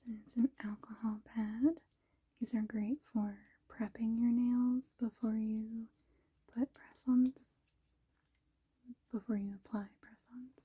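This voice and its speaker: A woman whispering softly in an unhurried ASMR ramble, with a breathy, husky voice and short, gently paused phrases. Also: a little high, fairly even intonation, phone-quality sound. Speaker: ASMR video host.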